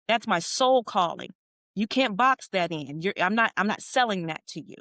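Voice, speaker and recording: A middle-aged leadership coach, appearing as a podcast guest, speaks earnestly and emphatically, often circling back to restate her points and repeating phrases. Her medium-pitched voice is animated and a bit bright at a normal speed. The audio is studio quality with no echo.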